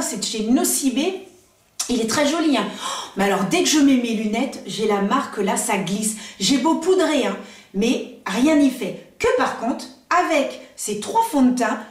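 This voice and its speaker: A woman chatting casually to camera as a beauty vlogger, enthusiastic and full of asides and fillers. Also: high voice. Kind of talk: casual product review to camera. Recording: echoey room, voice a bit far from mic.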